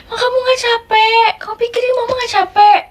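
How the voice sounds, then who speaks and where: A woman's voice: high voice, fairly even intonation, quick pace, distant mic, close to an everyday voice. A woman voicing a tearful mother who pleads with and guilts her child. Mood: weepy. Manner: sobbing, pleading, guilt-tripping.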